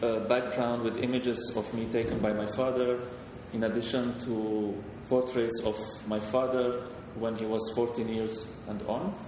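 A man from Syria, a photographer, talking haltingly with many fillers and restarts. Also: mid-range voice, level tone. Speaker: photographer guest. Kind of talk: hesitant conversational talk. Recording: echoey hall, distant mic, background noise.

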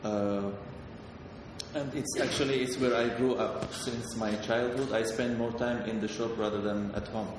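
A man's voice: mid-range voice, fairly even intonation. A man speaking in a distant echoey hall. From Syria. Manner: halting, many fillers and restarts. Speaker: photographer guest. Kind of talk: hesitant conversational talk. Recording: echoey hall, distant mic, background noise.

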